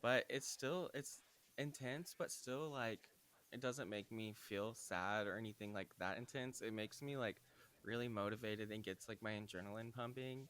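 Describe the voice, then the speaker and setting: A man's voice: on the low side, moderate pace, fairly bright tone, clean tone. A man hosting a casual interview, upbeat and enthusiastic with slangy reactions. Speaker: podcast host.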